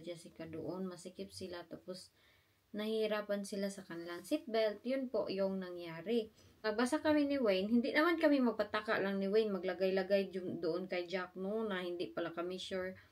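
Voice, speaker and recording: A mother, chatting casually at home in a vlog and cooing baby talk to her infant. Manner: drops to soft, low-key talk when explaining. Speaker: mother vlogging family life.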